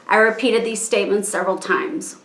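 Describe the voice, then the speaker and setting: A woman reading her own written statement aloud in a measured, halting way, strained and struggling to keep her composure. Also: medium pitch, fairly even intonation, fairly bright tone. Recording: echoey room.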